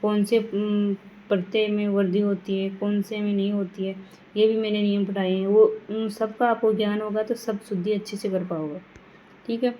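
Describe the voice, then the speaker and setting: A woman teaching a grammar lesson, reading words one by one and adding quick reminders to her students. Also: mid-range voice, little pitch movement, warm tone, slight background noise, low-quality recording. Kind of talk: classroom lesson reading word lists.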